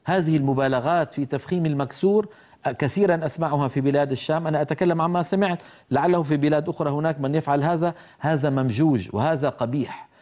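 A man gives a tajweed lesson, explaining rules and demonstrating pronunciation. His voice is mellow and warm and sits a little high. He moves between plain explanation and slow chanted examples. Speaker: Quran recitation teacher.

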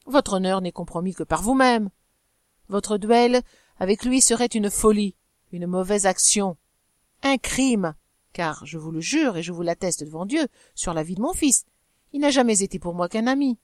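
A woman voicing a young wife from an old novel, pleading earnestly with her angry husband in a lifted, animated voice. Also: medium pitch, moderate pace, dry recording, studio quality, close to an everyday voice.

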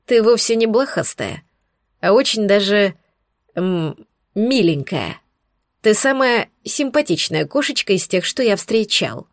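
A woman's voice: mid-range voice, lively intonation, unhurried, no echo, studio quality. A woman voicing a rude, sneering young male student in an audiobook. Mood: grudging.

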